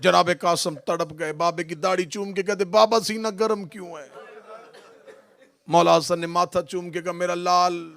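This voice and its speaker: A man delivering a mourning sermon, narrating with a wailing lament that rises to shouting. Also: sits high, steady tone, unhurried, vocal fry. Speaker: Shia majlis orator.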